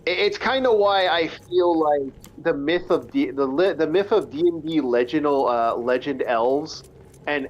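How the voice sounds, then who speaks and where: A man's voice: mid-range voice, muffled recording, slight background noise. A man casually chatting about fantasy games on a live stream, rambling and swearing freely. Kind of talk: casual chat while gaming.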